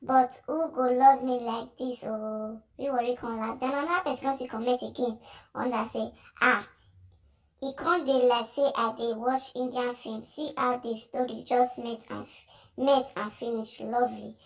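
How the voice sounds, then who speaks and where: A woman with a Nigerian accent and a fairly high voice speaks at normal speed with fairly even intonation. Commenting casually in Pidgin on social media videos, she reads out comments and laughs often.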